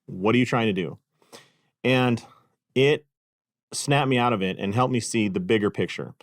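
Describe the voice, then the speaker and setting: In clean, echo-free studio quality, a middle-aged man with a mid-range voice speaks at normal speed on his podcast mic. He hosts the show and works as a clinic consultant, sharing a laid-back story full of fillers and self-deprecating humor.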